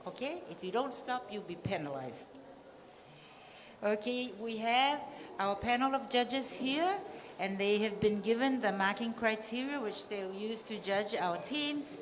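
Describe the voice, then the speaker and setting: A woman's voice: medium pitch, expressive, measured pace. A woman chairing a debate with formal announcements. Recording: echoey hall with faint background noise.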